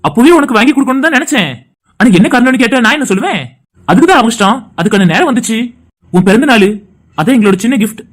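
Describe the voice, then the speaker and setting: Fast, lively banter from a group of cheerful young men in an animated family story, all voiced by one actor. The pitch moves freely as they tease each other, and the talk stays quick and bouncy throughout. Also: natural voice. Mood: warm. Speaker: cartoon voice actor. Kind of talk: animated family drama dialogue.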